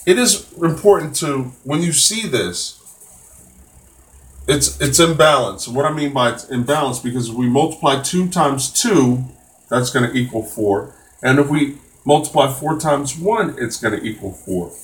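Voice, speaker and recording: A man's voice: medium pitch, animated, a little slow. Guy tutoring math on a live stream, chill and encouraging, lots of um and uh, regular voice. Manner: casual, encouraging, many fillers and restarts. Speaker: test prep tutor.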